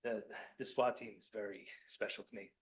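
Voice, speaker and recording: A man who is a police lieutenant, addressing a village board meeting, choked up and halting, apologizing and repeating words as he explains. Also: fairly low pitch, steady tone, poor audio. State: choked up with emotion. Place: municipal meeting room.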